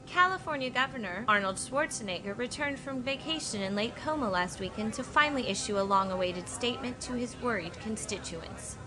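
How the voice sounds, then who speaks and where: A woman's voice: fairly high pitch, expressive, brisk, few pauses, close to an everyday voice. A woman playing an earnest parody news anchor and reporter, narrating with mock-serious drama. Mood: earnest dramatic.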